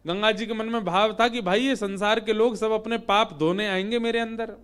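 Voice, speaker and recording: High-voiced man telling a devotional story. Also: moderate pace, smooth. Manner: expressive, swelling emphasis. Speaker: religious storyteller.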